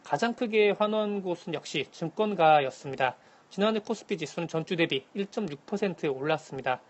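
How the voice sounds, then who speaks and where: A man calling in to a radio show as a correspondent, giving a formal, scripted economic briefing in a measured manner. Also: fairly high pitch, lively intonation. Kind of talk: scripted news briefing, answering by phone. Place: phone link to a radio programme.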